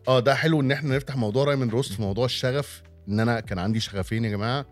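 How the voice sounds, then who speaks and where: A man's voice: mid-range voice, racing, faint music behind. A man with an Egyptian accent chatting casually and bantering, repeating phrases for emphasis. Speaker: stand-up comedian and amateur rapper. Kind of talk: casual chat.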